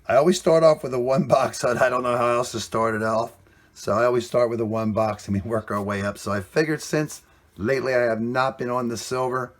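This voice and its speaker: A man hosting a coin roll hunting vlog, talking casually and plainly, cheerful about each find, recorded indoors on a camera mic. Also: fairly low pitch. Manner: chatty, plainspoken, upbeat about finds.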